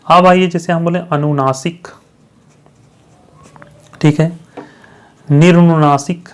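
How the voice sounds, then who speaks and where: A man's voice: a little high, steady tone, slow pace, a bit bright. Man teaching, quizzing viewers as he goes. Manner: repeats questions to the viewers and answers them himself; checks understanding with frequent "thik hai". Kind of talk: grammar lesson for exam candidates.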